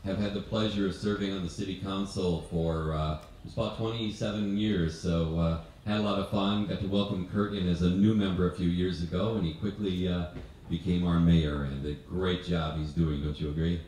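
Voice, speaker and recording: A man's voice: low voice, fairly even intonation, moderate pace, darkish tone. An older American man giving informal, chatty, good-humored remarks to an audience on a handheld microphone. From United States. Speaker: competition judge giving introduction. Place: event tent with seated audience. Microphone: handheld stage microphone. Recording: very echoey, distant, slight audience noise.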